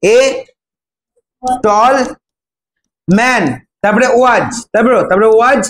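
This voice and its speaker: A man's voice: high voice, takes it slowly, fairly bright tone, faint music behind. A young man teaching an English grammar class, calling on students by name and drilling them with repeated prompts. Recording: echoey classroom, faint ambience.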